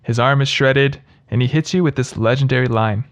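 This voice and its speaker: A man's voice: mid-range voice, brisk, soft background music. A man narrating scripted humorous commentary as a video host, in a sarcastic, mocking manner.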